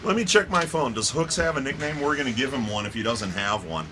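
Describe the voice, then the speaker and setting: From the rink booth, a play-by-play announcer calls an amateur hockey game, roasting the players with playful jokes. His medium-pitched voice is animated, brisk, pushed and bright. A faint hiss or hum sits under the audio.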